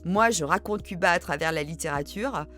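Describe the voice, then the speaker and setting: Chatty low-voiced woman. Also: fairly quick, fairly bright tone, soft background music. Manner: chatty, self-deprecating, many hesitant fillers. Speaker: host of a reading channel. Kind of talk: casual chat answering viewer questions.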